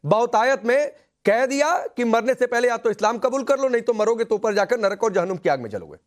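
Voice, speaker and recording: A man's voice: very high voice, expressive, a little fast. A man anchoring a heated TV news debate, pressing a guest and repeatedly cutting in to keep order.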